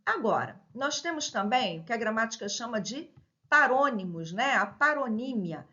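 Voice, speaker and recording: A woman's voice: a little high, very animated, moderate pace. Woman teacher with emphatic stressed words. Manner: explains with many tag questions like "né?" and "certo?"; stresses example words with sudden loud emphasis. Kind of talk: grammar lesson. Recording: slightly dull lo-fi sound.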